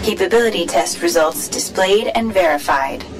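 A woman's voice: fairly low pitch, moderate pace, close to an everyday voice, low-quality recording. A woman playing an efficient onboard vehicle computer, giving clipped, procedural scripted announcements on a theme park ride. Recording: loud music behind.

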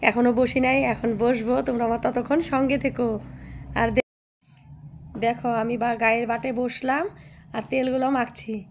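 A hoarse woman vlogging by a cowshed, chatting affectionately with her viewers and often asking if they follow. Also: fairly high pitch, level tone, moderate pace, long pauses, slight background noise. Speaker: village life vlogger. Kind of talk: casual vlog chat to viewers.

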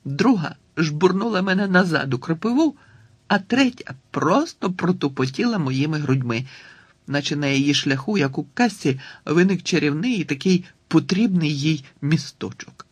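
A man narrating a children's story in the first person with a lively, expressive reading. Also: on the high side, normal speed, breathy edge, no room sound. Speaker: audiobook narrator.

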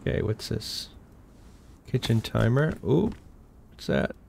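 Looting his way through a survival game, this older gaming YouTuber from New England mutters relaxed commentary in a Boston accent. His medium-pitched voice is slow and creaky, with background noise in the recording.

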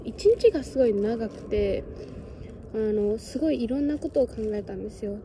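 A young Japanese woman in her twenties, a travel vlogger, chats casually to her phone camera held close on a windy hilltop fortress, musing aloud and sing-songing to birds and cats. Her voice is a little high with a dark tone at normal speed, with a little hiss or hum.

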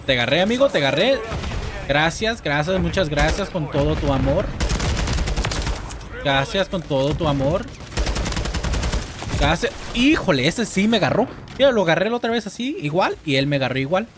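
A young man with a Mexican accent chatters through a shooter game, joking and cursing. His voice sits a little high and jumps all over the place. Game gunfire rattles behind him. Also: moderate pace, pauses often, noisy background. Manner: excitable, jokey, swears. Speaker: gamer. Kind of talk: gameplay commentary. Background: loud game gunfire.

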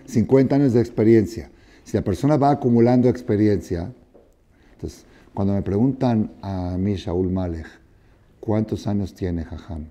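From a lectern in an indoor study hall with wooden chairs, a rabbi in his sixties teaches a Torah class in a low, mellow voice. He's expressive, acting out parables as dialogue and repeatedly checking that listeners are following.

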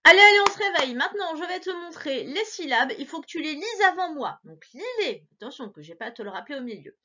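Female teacher, playful and encouraging with a child; animated, slightly high voice, muffled lo-fi recording. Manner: encouraging, playful, slow syllable-by-syllable reading. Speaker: primary school teacher. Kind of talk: remote reading lesson for a child.

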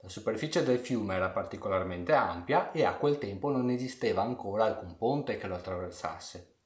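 A man narrating a historical tale at a measured pace, with playful asides to his viewers. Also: on the low side, expressive, echoey room. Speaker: history storyteller. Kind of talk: storytelling narration.

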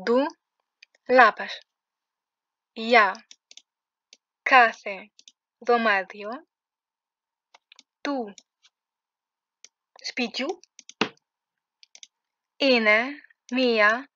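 A woman's voice: fairly high pitch, fairly bright tone, no room sound. A woman teaching a language lesson, patiently explaining pronunciation step by step. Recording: muffled, dry close recording.

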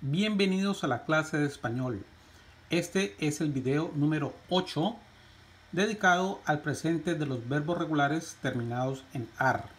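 A man teaching a lesson, reciting verb conjugations in a slow, measured drill with rising lists. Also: on the high side, a bit bright. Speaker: Spanish teacher.

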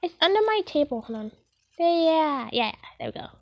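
A woman's voice: high-pitched, sing-song, moderate pace, dry recording, dull audio. A woman giving playful, rambling gameplay commentary and joking as she plays a role in the game. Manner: silly, rambling, playing a role with jokey asides. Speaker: gamer.

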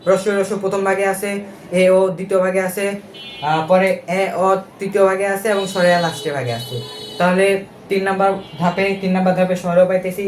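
A man's voice: high voice, little pitch movement, quick pace, echoey room, a little hiss or hum. A young man with a Bangladeshi accent, teaching an exam-prep lesson step by step, asking questions and correcting himself as he goes. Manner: explains step by step with rhetorical questions; colloquial, with fillers and self-corrections.

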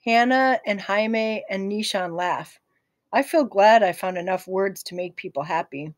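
A woman narrating a novel in the first person, calm, gentle and reflective. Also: mid-range voice, measured pace, no echo, studio quality. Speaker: audiobook narrator.

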